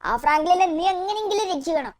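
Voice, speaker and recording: Adult doing a very high-pitched cheeky cartoon boy, urgent and insistent, for gameplay role-play. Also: expressive, fast talker, darkish tone, no room sound. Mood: eager.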